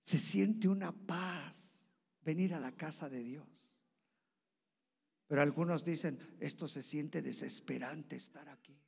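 A male pastor preaches in a high, gravelly, husky voice. He swings from loud, high-pitched bursts to hushed, low asides. The sound carries a long reverb, as in a church hall. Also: slow. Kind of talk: sermon.

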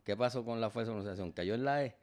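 Low-voiced man explaining grammar rules. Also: fast talker, a little mellow. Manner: teacherly, works through examples step by step. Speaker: podcast co-host explaining grammar. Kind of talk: casual educational chat.

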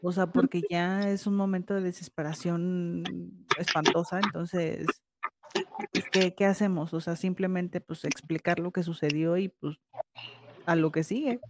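A woman's voice: fairly low pitch, steady tone, measured pace, very noisy. A woman hosting a casual conversation, reacting with short interjections and some stammered restarts. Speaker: host.

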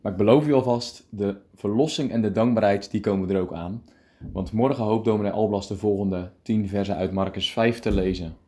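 Man preaching a radio meditation, dark mellow voice, slow and careful. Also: fairly low pitch. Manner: calm, deliberate Bible reading and explaining.

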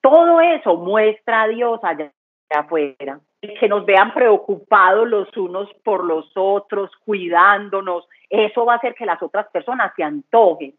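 A woman's voice: medium pitch, expressive, measured pace. A woman giving an earnest, conversational church testimony, repeating phrases for emphasis. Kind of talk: testimony talk. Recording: tinny phone-line sound.

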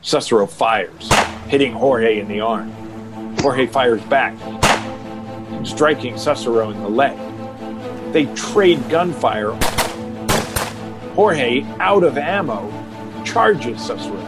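A man's voice: mid-range voice, expressive, slow pace, long pauses, over music. A man narrating an audio drama in a dramatic, scripted style.

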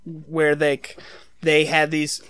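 A man's voice: a little high, monotone, slow, fairly bright tone, clean tone, dry recording. A man chatting casually on a podcast, telling rambling stories full of slang and swearing. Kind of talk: casual chat among friends on a podcast.

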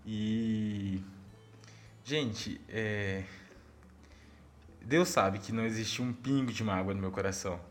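A man with a Brazilian accent, a missionary, telling a personal story in a casual, animated way and talking straight to his audience. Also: on the low side, slow, pauses often, faint music behind.

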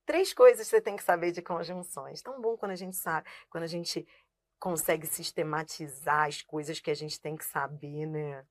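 A Portuguese teacher with a low voice and moderate pace leads a live online grammar class. She writes on a board, poses rhetorical questions and answers them right away, and keeps checking that the viewer is following along.

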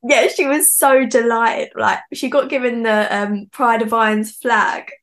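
A young woman chats easily as an interview guest. She laughs often and leans on "like" as a filler. Her voice sits slightly high. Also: steady tone, a little slow. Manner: chatty, giggly, lots of "like" fillers. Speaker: singer-songwriter guest. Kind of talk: casual interview chat.

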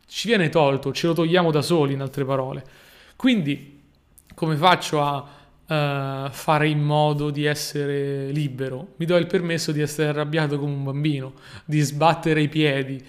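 Higher-voiced man coaching. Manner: explanatory, with deliberate pauses and repeated phrases for emphasis. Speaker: life coach and video host. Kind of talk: motivational coaching monologue to viewers.

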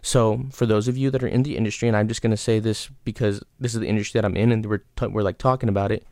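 A man's voice: on the low side, steady tone, quick pace, darkish tone, no room sound, clean studio sound. A man hosting his own podcast, giving frank, rambling advice with lots of fillers and restarts. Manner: frank, casual swearing. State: has the hiccups. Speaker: podcast host. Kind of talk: casual solo podcast advice.

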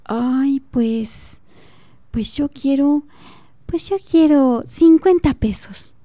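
A woman voicing a sweet, stubborn young girl who is selling a cloud, speaking high and innocent. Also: drawn-out words, mellow, dry recording. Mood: childlike.

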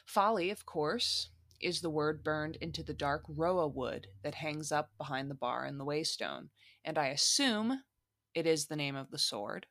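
Solo podcast host, woman, low and dry, morning voice, playful asides. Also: expressive, a little slow, a bit bright, no echo. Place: home back room.

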